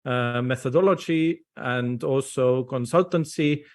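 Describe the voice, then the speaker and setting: Man, English, halting conference talk over a video call, mid-pitched. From Estonia. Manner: hesitant, frequent "uh" fillers. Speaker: invited speaker. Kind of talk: conference presentation.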